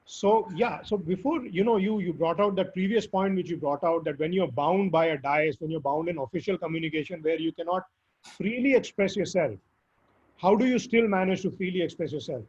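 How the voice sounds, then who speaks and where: A man with a hoarse, squeaky voice from recent illness, answering interview questions earnestly and emphatically. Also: a little fast, darkish tone. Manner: earnest, emphatic advice with fillers. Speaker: guest speaker. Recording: dull lo-fi audio.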